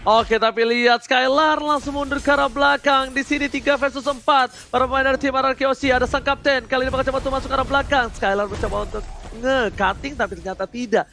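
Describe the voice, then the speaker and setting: A man with an Indonesian accent calling a video game match like an excited fighting game announcer, with dramatic, punchy, repeated hype calls. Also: extremely high pitch, fast, a little hiss or hum. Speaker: esports shoutcaster.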